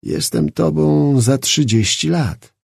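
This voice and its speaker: A hushed, slow-spoken older stranger with a gravelly, husky edge, as an audiobook narrator puts him on. His words come measured and low, recorded close and dry. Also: no echo, heavily acted. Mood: mysterious. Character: shaken older man, calm and mysterious. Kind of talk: audiobook character reading.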